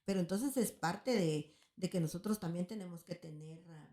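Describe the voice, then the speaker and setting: With a lowish, warm voice at normal speed, a woman delivers earnest, sermon-like teaching. The room has a roomy echo, and she repeatedly asks her audience "right?"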